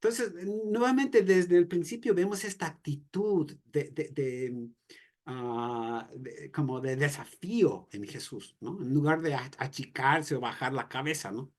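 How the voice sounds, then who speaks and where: A man with a Mexican Spanish accent leads a relaxed Bible reflection for his congregation. He speaks in a loose, conversational way, tossing out rhetorical questions and checking in with "¿no?" as he goes. Restarts and small hesitations run through his talk. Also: on the high side, a little slow. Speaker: Bible study leader. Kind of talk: informal church reflection talk.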